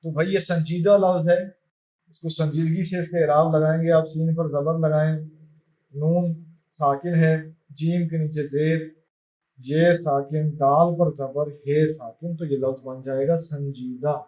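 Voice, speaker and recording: A male teacher giving a lesson, spelling out vowel marks in a slow, careful dictation. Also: on the high side, level tone, dark tone. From Pakistan. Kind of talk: classroom lesson.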